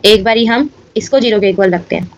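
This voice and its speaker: A woman's voice: medium pitch, a little fast, highs cut off. A woman teaching a maths lesson and explaining each step aloud, often checking in with her students.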